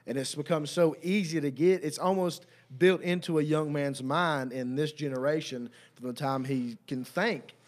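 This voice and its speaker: A man's voice: fairly high pitch, steady tone, normal speed, few pauses. A man co-hosting a casual church podcast, earnest and plain-spoken, speaking into a desk mic. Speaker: podcast co-host. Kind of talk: casual chat. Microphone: desk mic on a stand.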